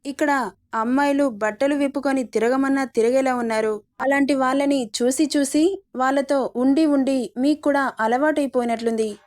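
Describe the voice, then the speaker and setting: A woman's voice: sits high, normal speed, darkish tone, lightly acted. Woman reading as a defiant young student. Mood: scolding. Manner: scolding and indignant.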